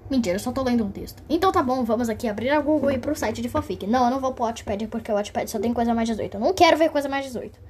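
A woman's voice: a little high, racing, few pauses, darkish tone, slight background noise. A young woman reading a fanfic aloud, with playful, jokey asides. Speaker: vlogger.

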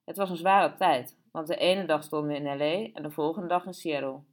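A woman's voice: low voice, fairly even intonation, a little fast, natural voice. A woman voicing a flamboyant, vain and chatty grown woman who talks in a playful, showy way for an audiobook. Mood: reminiscing. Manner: playful, showing off.

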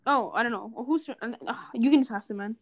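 A young woman co-hosts a podcast, her voice on the high side and a little fast. She chats casually and hesitantly, with lots of filler words.

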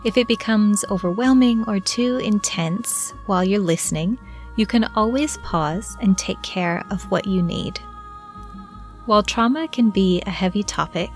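A woman hosts a podcast, speaking in a gentle, measured and caring way at a middle pitch. Faint music plays softly behind her voice. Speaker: podcast host. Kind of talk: podcast introduction and interview.

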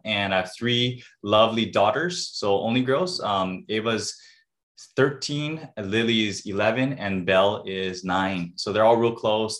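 Upbeat low-voiced man from Hawaii. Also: fairly bright tone. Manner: upbeat, enthusiastic. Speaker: podcast guest. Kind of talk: casual interview chat.

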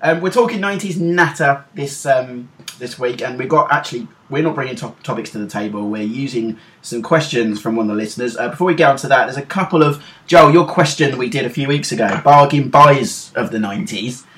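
A man's voice: mid-range voice, brisk, few pauses, a bit bright. British male podcast host, middle-aged, mid-range voice, chatty, informal and a bit rambling. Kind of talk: casual podcast chat.

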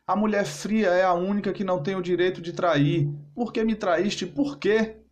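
A man's voice: high voice, very animated, a little slow, darkish tone, pitched above the performer's own voice. A man voicing a middle-aged husband who has been betrayed, bitter and anguished, speaking intensely.

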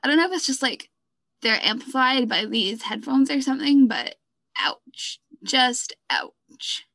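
A woman with a notably high voice co-hosts a casual podcast about music. She is chatty and playfully teasing, laughing often. Her voice sits close and dry on her microphone, with no room sound. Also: expressive, unhurried, gravelly, pushed and bright, dry recording. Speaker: podcast co-host. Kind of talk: casual chat reviewing songs. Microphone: own microphone while recording.

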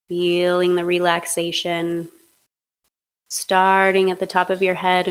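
A woman leading a guided hypnosis meditation in a slow, soothing, steady way. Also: on the low side, poor audio. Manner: slow, soothing, monotone guidance.

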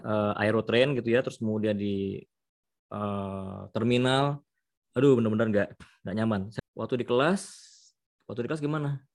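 A middle-aged man, a professor and vice dean, giving a long, thoughtful interview answer with many pauses and restarts. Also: lowish voice, darkish tone. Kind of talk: interview answer, casual explaining.

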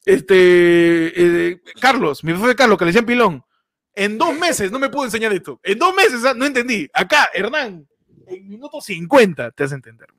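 A man hosting a podcast, joking excitedly and laughing as he plugs a friend's channel. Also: sits high, normal speed, no room sound, studio quality. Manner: excitable, laughing, playfully mock-amazed. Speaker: podcast host. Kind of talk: joking podcast banter with live promotion.

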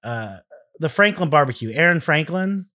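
A man's voice: a little high, expressive, moderate pace, sharp tone. A man co-hosting a podcast, chatting casually in a rambling, self-interrupting, jokey way. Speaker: podcast co-host. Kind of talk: casual chat.

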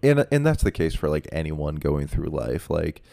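A young man co-hosting a podcast, easygoing and full of fillers as he steers the chat. His voice is deep and dark with a gravelly fry, recorded close and dry. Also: very animated, moderate pace, no room sound. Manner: easygoing, many fillers, leads the talk. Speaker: podcast co-host. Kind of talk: casual chat.

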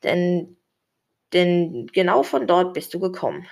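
A reader voicing Zorak, a theatrical male schemer who mourns and gloats in drawn-out, operetta-like dramatics. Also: medium pitch, very animated, vocal fry, a little mellow, exaggerated voice. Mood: gloating. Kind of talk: storybook reading.

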